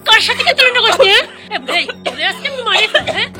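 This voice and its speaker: A woman's voice: very high voice, animated, fast talker. A woman playing a cruel daughter-in-law who scolds and sneers at her mother-in-law, then stammers and begs when caught. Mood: sneering. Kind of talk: melodramatic short drama acting. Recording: music underneath.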